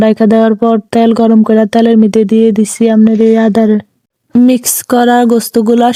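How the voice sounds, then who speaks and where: A woman with a Chandpur Bengali dialect talks over her cooking footage at a brisk clip. Her tone is mellow and low-key, the pitch stays flat, and the recording is close and dry. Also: no echo. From Bangladesh. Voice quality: chatty, rambling, self-deprecating. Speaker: cooking vlogger. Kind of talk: casual voice-over narration.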